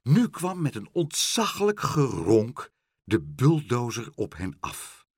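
A man's voice: mid-range voice, takes it slowly, breathy edge, dry recording, studio quality. A man reading a children's storybook aloud, narrating playfully. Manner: lively character voices, playful.

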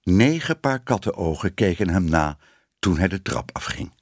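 Man reading a story aloud, husky, low, lively, dry sound. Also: normal speed, no room sound. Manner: expressive. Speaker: narrator.

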